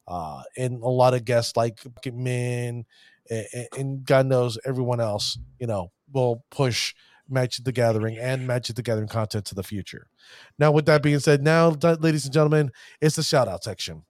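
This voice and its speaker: A podcast host runs a card-game show, hyping things up casually with showman flourishes and tripping over player names. His mid-range voice is slightly mellow at normal speed, recorded at studio quality with no room sound.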